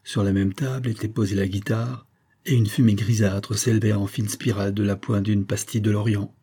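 A man narrating a classic short story aloud in a measured, even reading voice. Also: on the low side, husky. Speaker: audiobook narrator. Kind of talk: scripted literary narration.

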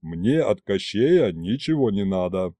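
A man doing a gruff bass Grandfather Frost. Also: very animated, dark tone, dry recording. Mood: grumbling. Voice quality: deep bass. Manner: grumbling, weary, slow. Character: gruff old grandfather Winter spirit, deep bass.

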